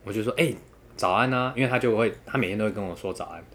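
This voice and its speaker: Fast-talking man. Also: on the low side. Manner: animated storytelling, quotes others, laughs loudly. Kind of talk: casual chat.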